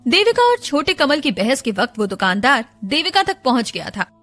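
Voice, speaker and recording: A woman radio jockey narrating a serialized audiobook. Her high voice swings widely as she tells the story expressively, over a faint bed of music. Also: very animated, moderate pace, a bit bright.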